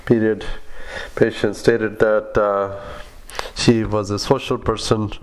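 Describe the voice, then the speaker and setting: Low, monotone man giving medical dictation. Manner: flat, halting delivery in clipped phrases. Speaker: clinician dictating patient notes. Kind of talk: medical dictation with spoken punctuation and commands.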